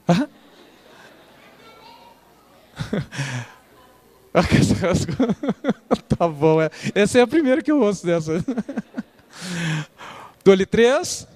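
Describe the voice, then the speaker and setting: Homem brasileiro contando história com vivacidade. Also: male voice, high-pitched. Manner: lively storyteller, quotes people and quizzes the audience. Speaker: church speaker. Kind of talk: storytelling sermon. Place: church hall.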